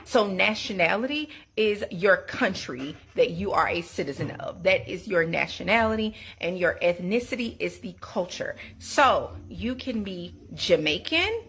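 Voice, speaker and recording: A woman lays out her point emphatically, as if teaching. Her voice has a gravelly fry running through it. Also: medium pitch, expressive, measured pace, few pauses, a bit bright. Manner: emphatic, lecturing.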